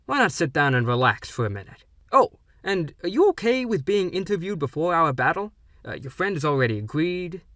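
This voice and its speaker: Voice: mid-range voice, very animated, moderate pace, pushed and bright, husky, no echo, studio quality, full character voice. An actor voicing a theatrical, polite male TV talk show host in a game story, with music behind. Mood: polite, calm. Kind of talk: showy talk show presenting.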